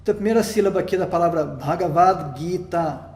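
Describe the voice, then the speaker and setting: High-voiced Brazilian teacher in an echoey room. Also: male voice, fast talker, a little mellow. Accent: Brazilian Portuguese. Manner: patient, step-by-step explaining, checks in with "tá?". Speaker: Sanskrit teacher. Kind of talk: recorded lesson. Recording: roomy echo.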